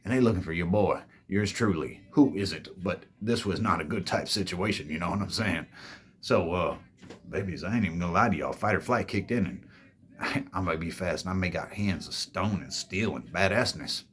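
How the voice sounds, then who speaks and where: At a normal speed, a man with a deep, somewhat bright voice hosts his show and tells a meandering storytime monologue. Laid-back and profane, he brags, revises his own statements, and calls his viewers "babies."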